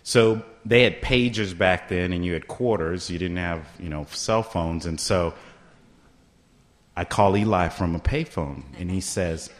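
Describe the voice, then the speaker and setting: Speaking a little slowly in a low voice, a middle-aged man shares his personal story with a recovery meeting. His tone is conversational, and he repeatedly asks the listeners "right?"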